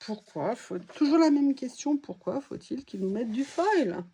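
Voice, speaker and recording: Chatty woman with a mellow, high voice. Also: lively intonation, moderate pace, breathy edge. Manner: chatty and exclamatory, reacting aloud to each item. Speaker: craft vlogger. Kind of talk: casual haul commentary.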